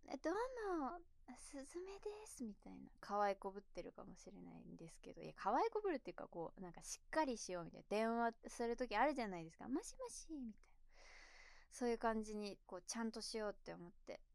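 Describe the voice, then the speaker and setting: A young woman chatting casually while a little tipsy. She answers viewer questions and rambles, giggles, and trails off into mumbles. She calls her natural voice low. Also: animated, quick pace, creaky, hardly any pauses, dry recording. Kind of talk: casual chat. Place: at home, sitting on the floor.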